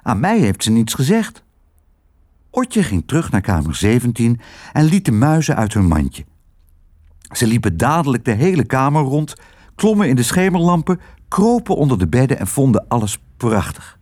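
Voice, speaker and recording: A man's voice: mid-range voice, moderate pace. A man narrating a children's audiobook, telling it expressively. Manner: expressive storytelling.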